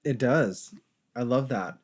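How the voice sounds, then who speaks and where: A man's voice: mid-range voice, slow pace. A man hosting an interview, giving brief affirmations and follow-up questions. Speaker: interview host.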